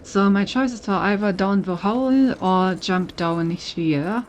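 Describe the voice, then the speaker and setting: A woman's voice: mid-range voice, takes it slowly, a little hiss or hum. A woman game streamer giving casual gameplay commentary, thinking aloud as she goes. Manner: thinks aloud, reads on-screen text.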